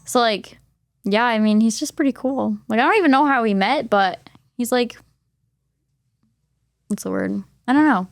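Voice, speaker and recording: A woman's voice: fairly high pitch, normal speed, gravelly, long pauses. Bubbly young woman, chatty guest. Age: young adult. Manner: bubbly, chatty, laughs often. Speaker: podcast guest, sports creator. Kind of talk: casual podcast interview.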